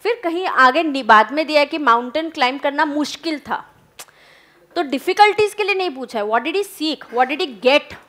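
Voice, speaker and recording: एक महिला शिक्षिका कक्षा में छात्रों को हिंदी और अंग्रेज़ी मिलाकर समझाती हुई व्याख्यान देती है।. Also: female voice, sits high, expressive, moderate pace, bright, forceful tone. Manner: mixes Hindi and English, coaxing students. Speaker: teacher. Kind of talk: classroom lecture. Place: classroom.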